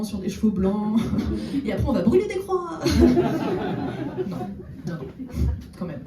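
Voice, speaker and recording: A woman doing a stand-up comedy set on stage, chatting with the audience and slipping in deadpan ironic asides. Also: fairly high pitch. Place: theater stage before a live audience. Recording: roomy echo, distant mic, audible room noise.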